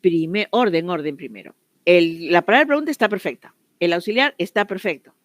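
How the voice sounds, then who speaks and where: A woman's voice: fairly low pitch, animated, a little fast, no echo. Woman teaching an online English class. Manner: explains step by step, switching between Spanish and English examples.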